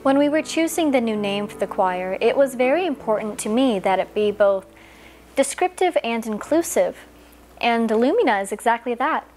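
Thoughtful young woman, bright higher voice. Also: animated, moderate pace. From California. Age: 20s. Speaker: choir student. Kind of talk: casual reflection. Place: living room at home.

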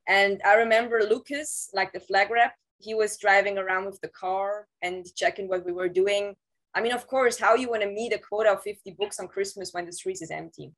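A woman in her thirties, an interview guest, recounting her past in a casual, halting way with many restarts, speaking over a video call from a room at home. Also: medium pitch, a bit bright, low-quality recording. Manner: halting, with frequent restarts and "um" fillers. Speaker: interview guest, former Scientology staff member. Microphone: video call, laptop camera mic.

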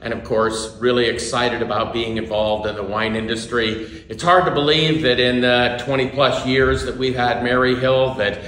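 A middle-aged winery co-owner from Washington state gives a friendly, upbeat promotional talk to a camera a few feet away, standing at a wooden bar in the tasting room. His medium-pitched voice is steady, a bit bright and at normal speed with hardly any pauses, though some filler sounds slip in. The recording has roomy indoor echo and a little hiss or hum.

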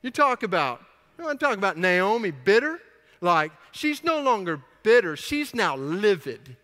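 A man preaching a sermon, animated, swinging from hushed to loud and acting out the dialogue. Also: high voice, moderate pace, in a large hall. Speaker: pastor.

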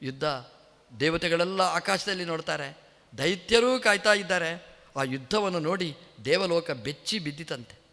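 A man's voice: on the high side, lively intonation, normal speed, bright, forceful tone. A man giving a devotional sermon, telling a story with rhetorical questions to the audience. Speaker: religious leader giving a discourse. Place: temple hall. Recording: echoey temple hall.

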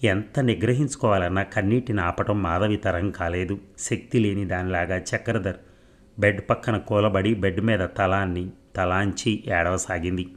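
A man narrates a serialized novel in a steady, even storytelling delivery. His voice sits low and deep, suited to a long audiobook reading. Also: moderate pace.

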